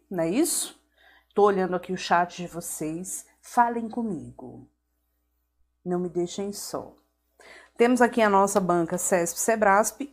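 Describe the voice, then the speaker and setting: A woman with a Brazilian Portuguese accent teaching a live online law class, chatty and affectionate, greeting viewers by name. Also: medium pitch.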